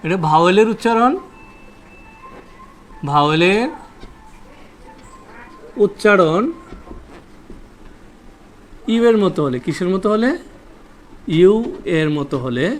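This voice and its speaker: A man with a high voice teaches a grammar lesson at a whiteboard. He goes over each rule several times and keeps asking his students what comes next. Faint room noise sits in the background. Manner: repeats key points and quizzes students with rhetorical questions.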